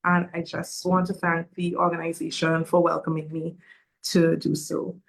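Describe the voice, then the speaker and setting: Woman in her forties from Saint Vincent, low-pitched, earnest, candid panel guest with filler words. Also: little pitch movement, normal speed, creaky, poor audio. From Saint Vincent and the Grenadines. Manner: earnest, open, with frequent um fillers. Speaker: guest speaker. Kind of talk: personal story in an online panel.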